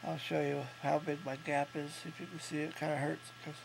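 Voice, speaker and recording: Clear hum and noise fill this home recording of a thirty-something man vlogging his recovery from jaw surgery. Stuffed up, unable to breathe through his nose and thick-mouthed, he speaks in a level tone with heavy vocal fry and barely any pitch movement, keeping his video-diary remarks halting and matter-of-fact.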